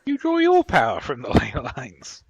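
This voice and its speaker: A man's voice: high-pitched, huge pitch swings, moderate pace, no echo. A man playing a tabletop game, teasing and arguing his point in casual chat. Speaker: player.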